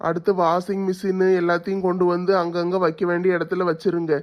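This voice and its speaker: A man's voice: high voice, level tone, fairly quick, highs cut off. A man playing a kind, reassuring father-in-law in a family skit. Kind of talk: family comedy skit acting.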